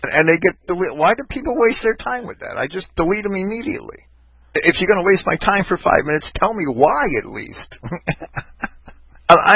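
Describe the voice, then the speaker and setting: A man's voice: on the high side, breathy edge, dry recording. A man hosting a casual call-in talk show, rambling and ranting with many restarts. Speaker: podcast host. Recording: dull lo-fi online voice chat.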